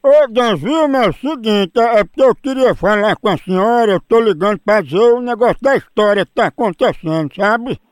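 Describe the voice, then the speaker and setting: Guy doing a prank call, teasing, fake-serious, bouncy pitch, dry close sound. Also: animated, dry recording. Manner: teasing, mock-serious, drawn-out. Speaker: prank caller.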